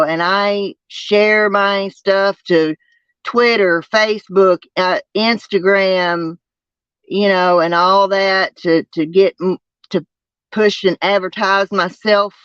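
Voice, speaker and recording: Slow, twangy Southern US livestreamer, unclear recording. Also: medium pitch, fairly bright tone, smooth, no room sound. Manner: halting, repeats phrases. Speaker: livestream host. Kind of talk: casual livestream chat. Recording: dull lo-fi sound.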